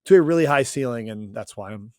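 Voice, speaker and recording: A man co-hosting a sports podcast, giving relaxed, measured analysis with hedging fillers. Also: medium pitch, no echo, clean studio sound. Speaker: co-host. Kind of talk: casual sports podcast chat.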